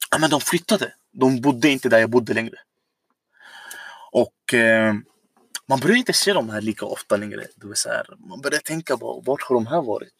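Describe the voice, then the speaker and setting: A man's voice: medium pitch, gravelly, fairly bright tone, no echo. A man casually telling a long personal story on a podcast, rambling and reflective, with many fillers.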